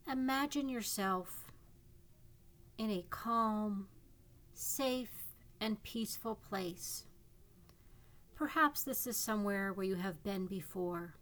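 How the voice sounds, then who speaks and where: A woman leads a guided meditation at a very unhurried pace. Her delivery is calm and soothing, with long pauses between phrases. Her pitch sits in a middle range for a woman. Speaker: psychotherapist guiding a meditation. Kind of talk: guided imagery meditation narration.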